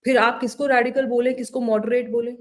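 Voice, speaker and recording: A woman's voice: a little high, flat delivery, a little fast. A woman giving indignant political commentary, switching between Hindi and English phrases. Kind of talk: opinion commentary to camera.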